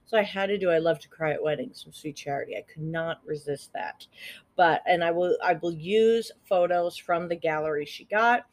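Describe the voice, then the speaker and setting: A woman's voice: on the low side, moderate pace. A woman hosting a podcast on her own, giving social media tips in a chatty, upbeat way and laughing at her own jokes. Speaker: podcast host. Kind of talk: casual solo podcast tips.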